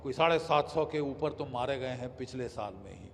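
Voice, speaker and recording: Older man, defence-expert commentator, emphatic and halting, reverberant hall with faint room noise. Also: mid-range voice. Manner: emphatic, with hesitant pauses and English phrases. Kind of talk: news commentary.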